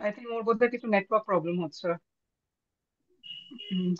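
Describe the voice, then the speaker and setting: A woman trainer leading an online class, brisk and apologetic, switching between languages. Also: mid-range voice. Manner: brisk, apologetic, mixes Bengali and English. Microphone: video call. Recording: dull lo-fi call audio.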